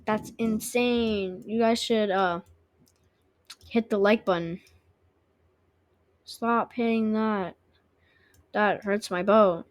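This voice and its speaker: Here the host of a gaming channel talks slowly, pausing often, in a medium-pitched voice with fairly even intonation. She gives casual let's-play commentary into her own microphone, chatting with viewers and asking for subscriptions.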